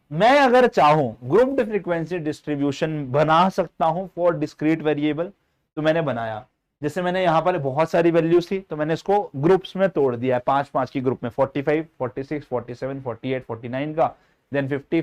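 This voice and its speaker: A man teaching statistics to students in a live online class, explaining step by step, often checking whether they follow, and calling them child and brother. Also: on the high side.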